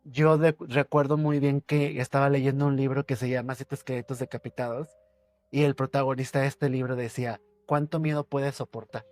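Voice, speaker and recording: A man's voice: little pitch movement, moderate pace, darkish tone, faint music behind. Man telling a spooky story. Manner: suspenseful storytelling, repeats words for effect, drops his voice low. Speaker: podcast guest. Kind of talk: telling a personal ghost story.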